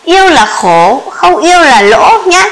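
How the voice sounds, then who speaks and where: A woman's voice: high voice, sing-song, unhurried, very noisy. A woman playing a chatty old grandmother with a jealous husband, in a comic sketch, exclaiming and fussing in a sing-song Northern Vietnamese accent. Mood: scolding.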